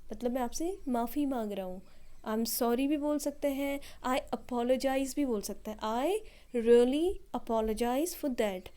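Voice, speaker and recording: Indian woman teaching slow English phrases. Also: high voice, mellow. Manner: slow, deliberate English example sentences between quick explanations. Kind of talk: bilingual language lesson.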